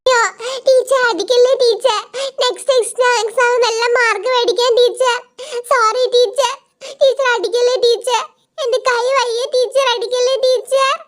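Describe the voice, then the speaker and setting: A woman's voice: very high voice, steady tone, normal speed, pitched above the performer's own voice. A woman voicing a frightened, whiny schoolgirl who pleads with her teacher in a doll play. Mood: pleading. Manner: pleading, whimpering, panicky.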